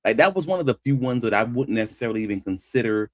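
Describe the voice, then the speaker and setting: A man's voice: medium pitch, animated, very fast, dry recording, studio quality. A man hosting sports talk, giving conversational analysis and stressing his key points as he argues them. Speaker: sports talk show host.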